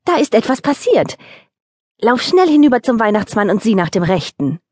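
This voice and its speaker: A woman's voice: mid-range voice, very animated, a little fast, a little mellow, no echo, clean studio sound. A woman voicing a bossy female mother hare who scolds her husband in a children's audiobook. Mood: scolding. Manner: scolding, insistent.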